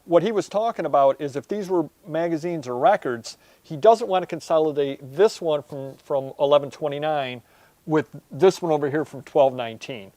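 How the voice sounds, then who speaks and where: A man's voice: fairly high pitch, normal speed, dark tone, dry recording. A man in his forties talking conversationally to viewers as a host, explaining step by step with examples on a lapel mic. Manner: explanatory, addresses viewers, works through examples. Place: indoors, large warehouse storage aisle.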